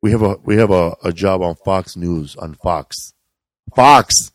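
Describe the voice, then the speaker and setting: Deep-voiced man telling rambling, profane stories. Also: steady tone, moderate pace, darkish tone, no room sound. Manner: profane, rambling, laid-back delivery. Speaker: comedian and podcast host. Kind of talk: casual storytelling chat.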